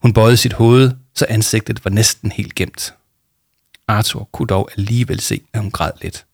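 A man reading a children's book aloud in a steady storytelling manner, with small slips. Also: on the low side, gravelly, no echo, clean studio sound. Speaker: reader.

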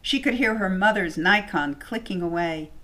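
A woman reading her own short story aloud at home, in a measured storytelling manner. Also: medium pitch, bright, forceful tone.

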